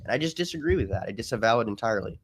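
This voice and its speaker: Male guest, mid-range voice, animated storytelling that acts out the people he quotes. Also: mid-range voice, very fast, slightly rough. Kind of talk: casual chat.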